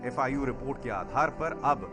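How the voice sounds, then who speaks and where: A man reading a formal, measured news voice-over. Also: mid-range voice, animated. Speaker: news reporter. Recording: voice-over over loud music. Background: news music bed.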